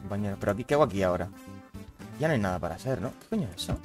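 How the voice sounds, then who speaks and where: A young man, giving casual, swear-heavy commentary over his gameplay with loud, baffled outbursts. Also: fairly low pitch, expressive, very fast, soft background music. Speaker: gaming youtuber.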